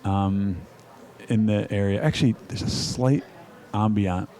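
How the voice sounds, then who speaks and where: Man, low gravelly voice, mellow tone, laid-back chatty host, faint noise. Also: unhurried. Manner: relaxed, chatty, rambling with fillers. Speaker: host and venue owner. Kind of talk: casual live-stream commentary.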